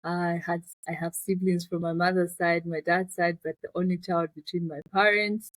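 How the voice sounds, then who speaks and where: A finance business founder with a Zambian accent shares her personal story as an interview guest, reflective and conversational. She speaks at normal speed with a fairly low voice and little pitch movement, on a low-quality recording with no room sound.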